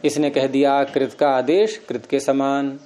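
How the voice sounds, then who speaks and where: A man's voice: mid-range voice, little pitch movement, unhurried, warm tone. A man teaching Sanskrit grammar, explaining step by step and quizzing his students with questions. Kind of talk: classroom lecture.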